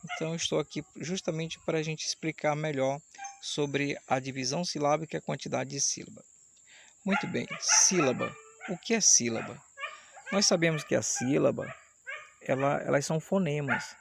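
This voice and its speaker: Gravelly-voiced male teacher explaining syllables. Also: on the high side, background noise. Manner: explanatory, slows down to spell out syllables. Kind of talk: online Portuguese grammar lesson. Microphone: camera mic, camera switched off.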